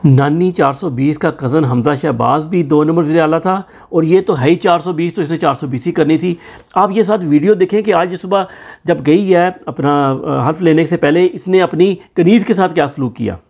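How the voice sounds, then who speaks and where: A man's voice: on the high side, moderate pace, a little mellow. A man with a Pakistani Urdu accent giving sarcastic political news commentary, hosting his own channel. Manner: sarcastic, mocking.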